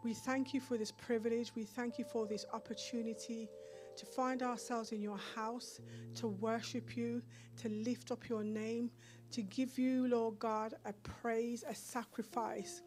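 A woman's voice: fairly high pitch, flat delivery, unhurried, a little mellow, soft background music. A woman minister leading a fervent, repetitive closing prayer on a church stage, speaking into a handheld mic. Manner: fervent, repetitive praying, rising in intensity.

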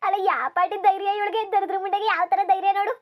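Cartoon: a woman doing a shrill, fast-talking village mother, bitter and lamenting. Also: little pitch movement, dull audio. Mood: bitter grief. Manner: lamenting, scolding, sobbing in bursts. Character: grieving village mother, middle-aged, bitter and wailing. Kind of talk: cartoon dubbing.

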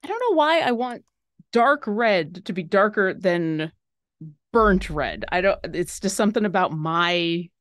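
A woman's voice: mid-range voice, expressive, measured pace, a bit bright, dry recording, clean studio sound. A woman co-hosting and learning on a painting live stream, bubbly and thinking aloud as she chats. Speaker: co-host and painting student. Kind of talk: casual live stream chat.

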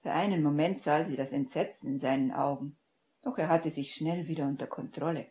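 A woman reading a fan-fiction audiobook aloud as narrator, in a steady, measured way. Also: sits low. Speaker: audiobook reader.

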